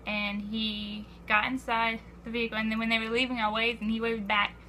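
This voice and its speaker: Teenage girl vlogger, bright slightly high voice, eager rambling storyteller. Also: level tone, fairly quick, a little hiss or hum. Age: teens. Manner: breathless, repeats "I was like", acts out quotes. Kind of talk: excited storytelling vlog.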